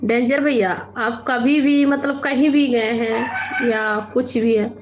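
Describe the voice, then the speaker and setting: Unhurried woman chatting on a live stream. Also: on the high side, fairly even intonation, a little hiss or hum. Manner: unhurried, chatty, gently scolding viewers. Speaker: live stream host reading viewer comments. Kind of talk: casual live stream chat. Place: home, at night.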